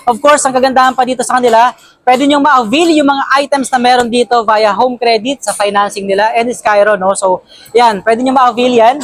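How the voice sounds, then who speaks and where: A woman's voice: fairly high pitch, steady tone, moderate pace, no echo. Upbeat Filipino woman touring a store. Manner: upbeat, chatty, frequent tag questions. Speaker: vlogger touring a store sale. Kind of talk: walk-through shopping vlog. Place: large indoor warehouse store.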